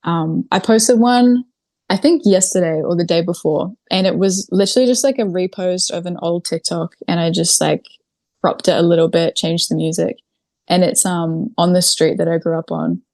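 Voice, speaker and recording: In a relaxed podcast interview, a Kiwi woman who creates videos chats with lots of "like" and "literally," her voice on the low side and darkish at a normal pace. There's no room sound.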